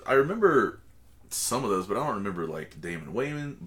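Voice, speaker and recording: A man's voice: fairly low pitch, big pitch swings, fairly quick, a bit bright, slight background noise. A man in his thirties co-hosting a podcast, chatting in a laid-back way and swearing casually. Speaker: podcast co-host. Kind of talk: casual chat.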